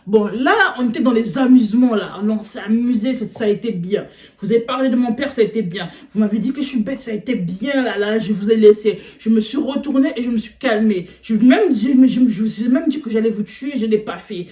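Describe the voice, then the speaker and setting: A woman telling a personal story in a casual, animated way, often laughing as she talks. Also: fairly high pitch, fairly quick. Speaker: vlogger. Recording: echoey room.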